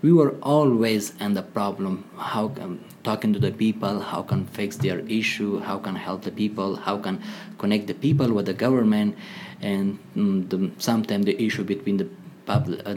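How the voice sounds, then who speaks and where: A man with an Afghan accent, a former commando speaking as a podcast guest in halting English full of pauses and restarts. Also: on the low side, fairly even intonation, darkish tone, slight background noise. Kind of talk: conversational interview.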